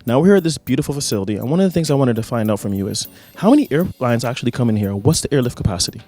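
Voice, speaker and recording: A man's voice: medium pitch, lively intonation, very fast, darkish tone. A man hosting an on-location television interview in a presenterly, conversational way. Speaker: TV host, interviewer. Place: airport VIP lounge. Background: music.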